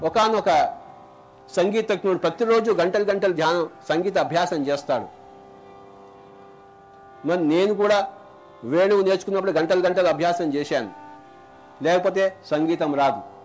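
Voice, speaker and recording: A man with a Telugu accent giving a spiritual talk, asking rhetorical questions and repeating lines for emphasis, sometimes chanting verses slowly. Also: high voice, a little mellow, faint music behind. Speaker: spiritual teacher. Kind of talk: spiritual discourse.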